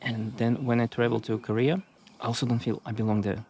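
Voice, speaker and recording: A man from Russia talking as a podcast guest, choosing his words slowly and carefully, with many pauses. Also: mid-range voice, little pitch movement, a little mellow. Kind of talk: casual conversation. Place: outdoors on a walking trail.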